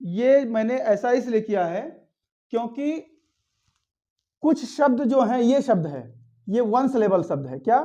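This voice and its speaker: A man's voice: very high voice, lively intonation, measured pace, pauses often, dark tone. A man giving a step-by-step English grammar lesson, asking questions and then answering them himself. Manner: explains step by step, asks and answers his own questions.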